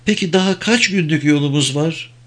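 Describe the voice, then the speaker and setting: A man voicing a cheerful, caring young woman in an audiobook reading, lively and concerned. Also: on the high side, moderate pace, voice pushed up.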